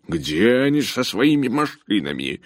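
A man voicing a grumpy, portly, hoarse middle-aged man in an audiobook. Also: fairly low pitch, expressive, moderate pace, no room sound, studio quality, voice pushed up. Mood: grumbling. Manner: grumbling.

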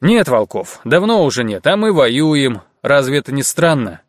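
A man reading an audiobook and voicing a grim, earnest young male soldier who speaks in a measured way. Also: medium pitch, animated, no room sound, studio quality, natural voice.

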